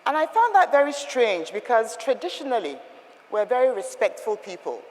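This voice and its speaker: A woman's voice: fairly high pitch, big pitch swings, normal speed, darkish tone. A woman giving a firm, instructive talk on etiquette to a group, asking rhetorical questions. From Nigeria. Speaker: etiquette trainer. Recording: long reverb of a hall.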